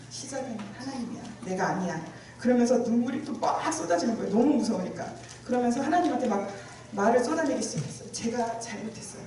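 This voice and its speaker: A woman's voice: a little high, noisy background. A woman giving a personal testimony at a church retreat. She tells her story with emotion and acts out her own past words. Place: large echoey church hall. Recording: very echoey hall, voice from far off.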